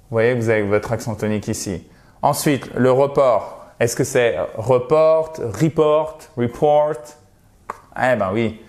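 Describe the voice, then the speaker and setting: Male English teacher, mid pitch, energetic, repeats words with heavy stress. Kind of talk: video pronunciation lesson.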